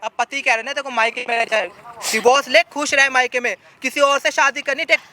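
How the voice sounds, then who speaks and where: An actor in a family drama skit plays a brash young husband who coldly brushes off his wife, bossily asking "ठीक है?" ("right?") again and again. His voice is high, bright and forceful, with fairly even intonation and a fairly quick pace.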